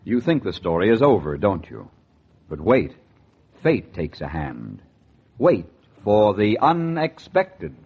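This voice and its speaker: A man's voice: lowish voice, wildly swooping pitch, takes it slowly, pauses often, soft background music. Portentous, swooping 1940s radio announcer man. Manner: portentous, suspenseful. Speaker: announcer and host. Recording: dull vintage 1940s radio recording.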